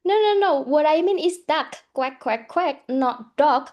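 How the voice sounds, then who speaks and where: An excitable young English housemate, quoted by a woman in her own light, high voice. He sounds eager and friendly. The tone stays soft and mellow. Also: normal speed, highs cut off.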